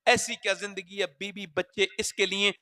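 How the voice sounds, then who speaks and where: A male preacher delivers an impassioned sermon to a gathering, telling stories dramatically. His voice is bright and forceful, pitched a bit high for a man, and it often rises in fervent appeals. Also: flat delivery. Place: religious gathering.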